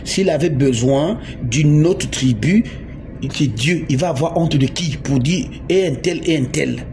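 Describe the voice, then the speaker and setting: Man preaching, from Congo, emphatic, repetitive, high-ish voice, noisy background. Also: a little slow. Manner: emphatic, repeats words, asks the audience. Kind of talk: sermon.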